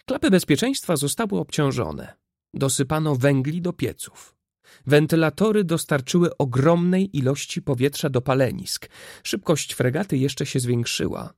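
A man reading a classic adventure novel as an audiobook, with steady, expressive storytelling. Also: a little high, moderate pace, gravelly, no echo, studio quality. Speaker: narrator.

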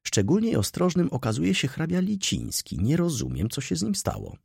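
A pompous, jovial lawyer, as a male reader plays him, speaking formally in a husky voice with lively rises. He sounds pleased with himself and precise. The recording is dry and close. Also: a little high, moderate pace, no room sound, voice pushed up, full character voice. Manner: formal, self-satisfied, laughing.

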